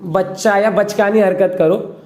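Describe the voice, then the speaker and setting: High-voiced young man explaining, echoey room. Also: fairly even intonation, a little slow, darkish tone. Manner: keeps checking in with listeners. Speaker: host explaining a topic. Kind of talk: casual explanatory talk.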